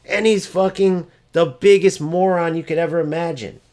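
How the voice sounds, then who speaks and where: A man's voice: fairly high pitch, fairly even intonation, normal speed, darkish tone. A man ranting over gameplay footage, exasperated, profane and mocking as he vents about an opponent. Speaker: gaming streamer.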